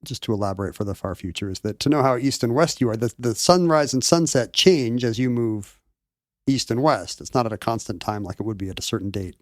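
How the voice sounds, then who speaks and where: A man's voice: medium pitch, animated, fairly quick, no echo, studio quality. A man co-hosting a podcast, chiming in with wry jokes and explanations. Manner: wry, joking interjections. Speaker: podcast co-host. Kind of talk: casual history chat.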